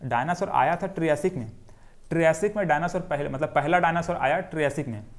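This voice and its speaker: Young male teacher, a touch high-pitched, runs a lecture as repeated question and answer while drawing on a board. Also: fast. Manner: repetitive question-and-answer drilling. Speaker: geography teacher. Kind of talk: classroom lecture.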